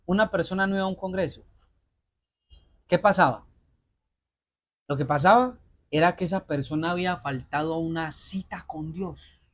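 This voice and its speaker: Speaking in a fairly high voice, a preacher exhorts his congregation to listen closely. Again and again he poses rhetorical questions and waits for the people to respond.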